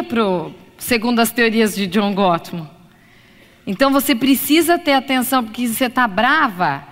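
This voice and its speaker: A woman psychologist giving a live lecture to an audience, talking expressively and acting out examples. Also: sits high. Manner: expressive, acts out examples in voices. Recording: long reverb of a lecture hall.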